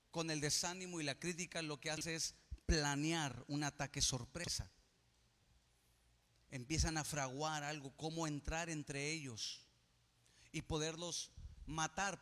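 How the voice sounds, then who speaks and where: A man preaching a sermon as pastor, building to loud emphatic peaks. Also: a little high. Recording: reverberant church hall.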